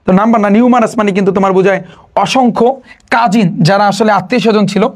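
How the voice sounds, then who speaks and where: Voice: mid-range voice, fairly even intonation, quick pace. A tutor gives an exam-prep lecture. The tutor drops English words into the explanation and keeps asking listeners questions, often repeating them.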